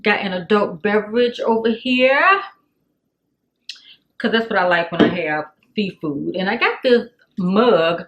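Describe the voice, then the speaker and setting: A woman chatting casually to camera in a food vlog, animated and talking straight to her viewers, a little out of breath. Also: mid-range voice, measured pace, dull audio. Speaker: food vlogger. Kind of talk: casual mukbang chat to camera. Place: home.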